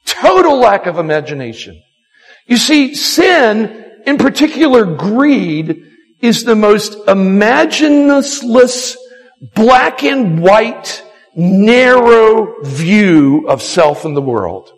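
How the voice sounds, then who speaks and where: A man preaching a sermon as pastor, animated and acting out quoted lines, often repeating himself. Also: high voice, slow. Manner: animated, acts out quotes, frequent repetitions. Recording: long hall reverb.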